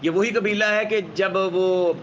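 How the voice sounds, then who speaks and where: A male scholar tells history as a lesson in with a tinge. His voice sits a little high for a man, and his delivery is measured. He keeps checking in with his listeners and acts out the quoted speech vividly, over a faint background hum. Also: fairly even intonation, fairly bright tone, highs cut off. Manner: measured, keeps adding a checking "alright?" tag. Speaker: Islamic scholar lecturer. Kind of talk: storytelling religious lecture.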